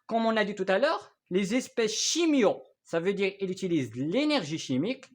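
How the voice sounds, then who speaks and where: A man's voice: high-pitched, very animated, moderate pace. Man from Morocco teaching biology. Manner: explanatory, many hesitations, repeats key terms, checks understanding. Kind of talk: recorded lesson. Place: Canada.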